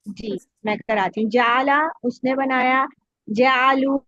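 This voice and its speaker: A woman's voice: high-pitched, steady tone, pushed and bright, dry recording, muffled recording. A woman student reciting a grammar drill carefully in an online class, while her call audio cuts out. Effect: online call audio cutting out.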